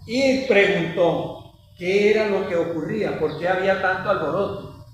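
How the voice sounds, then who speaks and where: A man's voice: sits high, moderate pace. A man hosting a conversational Bible study, retelling scripture as a story and checking in with his co-host. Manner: addresses his co-host often. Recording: echoey, distant mic with faint noise.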